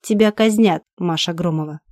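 A woman voicing a cold, cruel male alien interrogator who speaks slowly and evenly, reading an audiobook. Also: lowish voice, a little mellow, no echo, clean studio sound, lightly acted. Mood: menacing. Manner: slow, level, menacing delivery. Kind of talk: audiobook character voice.

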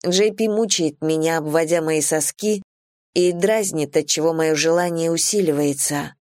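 A woman narrating a first-person romance audiobook in an even, intimate, low-key reading. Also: normal speed, no room sound, clean studio sound.

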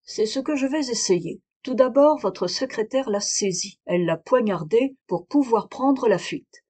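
A woman reading aloud, voicing a male detective who lays out his reasoning in a measured, explanatory way. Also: fairly high pitch, animated, dark tone. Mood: explaining. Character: calm, sharp male detective explaining a deduction.

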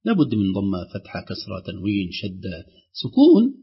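A man teaching Quran recitation rules on a call-in show, explaining each rule and then reciting the examples slowly and drawn out. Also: on the low side, wildly swooping pitch, husky. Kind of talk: tajweed lesson on a call-in show. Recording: dull lo-fi broadcast sound.

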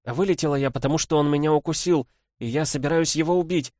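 A man voicing a fierce, desperate young village girl in a storybook reading, speaking high and urgently. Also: quick pace, a little mellow, no echo, clean studio sound, natural voice. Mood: defiant.

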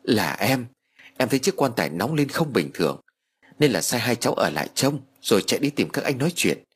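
A man's voice: medium pitch, big pitch swings, a little fast, slightly rough. A man voicing a middle-aged woman lamenting her dead mother in a tearful, pleading way. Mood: anxious. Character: grieving middle-aged daughter wailing over her mother.

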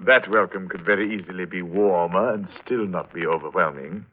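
An actor playing a suave, biting, domineering uncle in a 1940s radio drama, with a husky voice. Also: male voice, sits low, brisk. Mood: sardonic. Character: sardonic, domineering uncle returned from long absence. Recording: tinny old radio recording.

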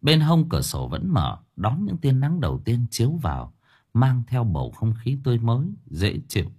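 A man narrating a spooky audiobook story in an expressive, vivid way. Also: medium pitch, normal speed, husky. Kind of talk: dramatic horror story narration.

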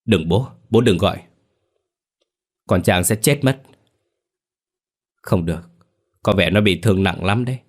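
A man's voice: low voice, unhurried, pauses often, husky, full character voice. A man voicing a young husband who is violent, cold and cruel, threatening his wife. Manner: shouting, threatening.

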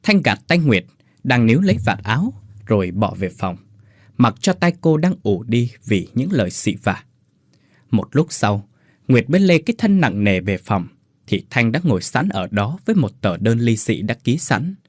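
A man narrating a dramatic story in an expressive voice. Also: medium pitch, moderate pace, dry recording, studio quality.

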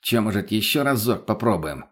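A man's voice: on the low side, lively intonation, normal speed, slightly rough. A man voicing a crude, mocking drug addict who swears constantly. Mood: cocky. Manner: foul-mouthed, cocky, mocking.

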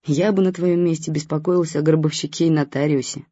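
Woman doing a grumpy old man: bossy, reproachful, darkly wry. Mellow, husky tone. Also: low voice, steady tone, brisk, no room sound. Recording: dull lo-fi recording.

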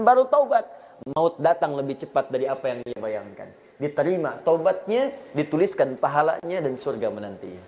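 A man preaching a sermon in a mosque, telling stories and moving between soft and raised passages. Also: medium pitch.

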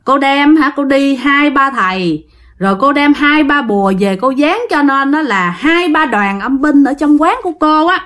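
A woman playing a shrewd older fortune-teller who lectures with confidence. The voice stays fairly high and moves lively as he explains and warns. It is told as a spoken ghost story. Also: normal speed. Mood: lecturing. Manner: lecturing, knowing.

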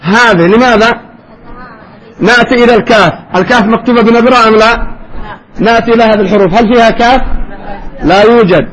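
A man teaching a spelling class, firing quick questions at his students and calling on them to answer. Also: very high voice, fairly bright tone, rough recording. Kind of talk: classroom lesson.

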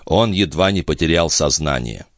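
Male audiobook narrator, very low voice, lively intonation, dry close sound. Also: no room sound. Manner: measured literary reading. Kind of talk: scripted narration.

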